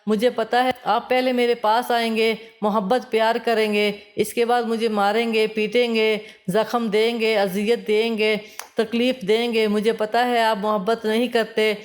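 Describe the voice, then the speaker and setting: A woman's voice: on the high side, flat delivery, close to an everyday voice. Woman reading an upset young bride.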